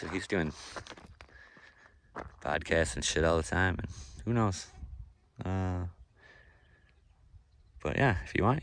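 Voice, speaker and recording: A young man vlogs casually to camera about his off-grid cabin, outdoors on the property, in a low-pitched, nasal voice with vocal fry. He's laid-back and meandering, stumbling through fillers and restarts, and there's slight background noise.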